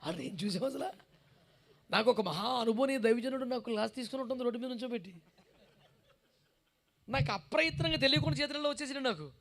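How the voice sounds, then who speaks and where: A man's voice: very high voice, expressive, quick pace, vocal fry, long pauses. A man preaching a sermon as a pastor, firing rhetorical questions at the congregation and repeating phrases for emphasis. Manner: emphatic repetition.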